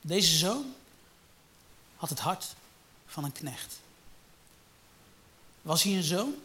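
Guy preaching, kinda high voice, gets loud then goes real quiet. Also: extremely slow. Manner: animated, rising to loud emphatic peaks then dropping low and quiet. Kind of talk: sermon.

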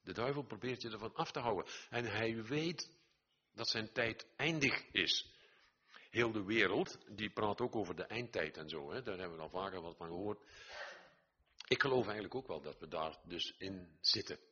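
A man's voice: fairly low pitch, expressive, moderate pace, bright, forceful tone, breathy edge, muffled recording. An older man preaching an earnest sermon, exhorting his listeners, repeating phrases and swelling to emphatic peaks.

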